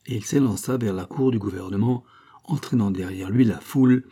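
A man narrating an audiobook in a steady, deliberate manner. His voice is dark and mellow with a husky edge, sitting fairly low. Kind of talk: scripted narration.

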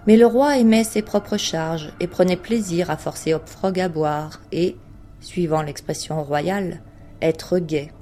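A woman's voice: lowish voice, faint music behind. Woman narrating a classic tale. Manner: measured, expressive storytelling. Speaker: audiobook narrator. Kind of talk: literary audiobook narration.

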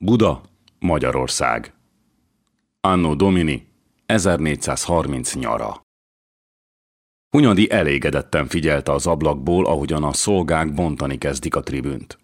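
Brief: male audiobook reader, measured and low, very dry studio. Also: animated, no room sound. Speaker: audiobook narrator. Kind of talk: scripted historical novel narration.

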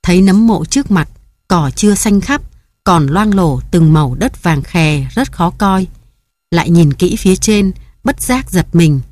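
A woman reading a story aloud in measured, even audiobook narration, pausing to read editor's notes. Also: fairly low pitch, no room sound.

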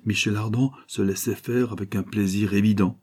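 A man narrating a classic novel as an audiobook, in a measured, literary reading. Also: fairly low pitch, steady tone, a little mellow, slightly rough.

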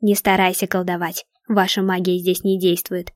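Brief: cruel dark witch, mocking and hissing, read by a woman, dry close sound. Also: lowish voice, level tone, moderate pace, no echo, natural voice. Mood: cold. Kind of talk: storybook reading.

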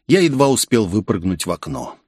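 A man reading a first-person action story in a steady, measured storytelling manner. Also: on the low side, breathy edge, no echo, studio quality. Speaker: audiobook narrator. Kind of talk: first-person audiobook narration.

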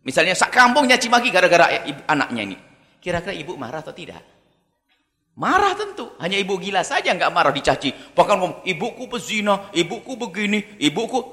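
A male preacher delivers a lively sermon, his pitch swinging widely as he peppers the crowd with questions. His voice sits high and bright. The recording carries a long hall reverb. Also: quick pace. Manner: animated, rhetorical questions to the audience.

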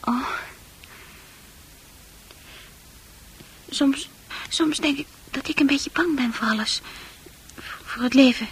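A woman portrays a troubled, unsure teenager in a radio play, her high-pitched voice husky and breathy, intimate and hesitant, often fading to a near-whisper. She takes an unhurried pace, sounding timid and curious.

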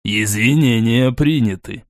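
A man voicing an ancient, cold, mocking male warrior in a slow, deliberate, sardonic manner. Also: lowish voice, steady tone, dry recording, clean studio sound, voice pushed down.

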